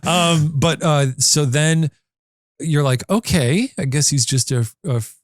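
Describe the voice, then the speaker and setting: A man's voice: a little high, measured pace, no echo, clean studio sound. A man in his forties co-hosting a podcast, telling rambling stories in casual chat with many restarts. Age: 40s. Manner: animated, rambling storyteller with frequent laughs and restarts. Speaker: podcast co-host.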